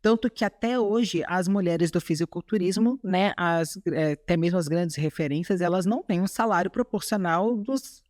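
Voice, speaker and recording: As a guest on a podcast, this bodybuilding athlete from Chile, who has a Brazilian Portuguese accent, talks earnestly and casually, ending remarks with "sabe?". Her voice is fairly low and a little mellow, moving at a moderate pace with few pauses, in studio-quality sound with no echo.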